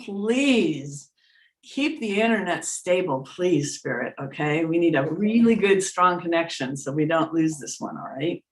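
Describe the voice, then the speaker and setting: A woman's voice: lowish voice, expressive, measured pace. Middle-aged woman talking earnestly, echoey room. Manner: earnest, emphatic, informal. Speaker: spiritual teacher and medium answering questions. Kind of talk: casual, conversational spiritual talk. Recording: echoey room, distant mic on internet call.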